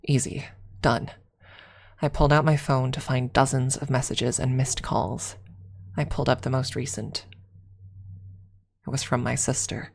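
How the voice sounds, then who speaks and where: Reading a first-person story aloud as ASMR, a woman speaks softly and deliberately, with dramatic pauses and some phrases close to a whisper. Her tone is low, rumbling and level, with vocal fry.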